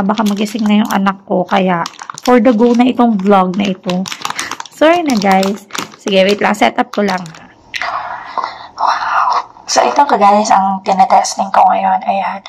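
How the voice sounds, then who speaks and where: A young woman and teacher, talking softly and chattily at home at night in a casual product review vlog. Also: medium pitch, normal speed, noisy background. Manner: talks softly, near a whisper, at night; chatty, mixing Tagalog and English. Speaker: teacher reviewing a lapel mic.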